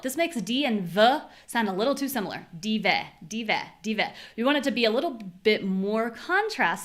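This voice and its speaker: A woman with an American accent teaching a live online pronunciation class. She explains patiently and clearly, and she exaggerates syllables to show the stress. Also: a little high. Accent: General American.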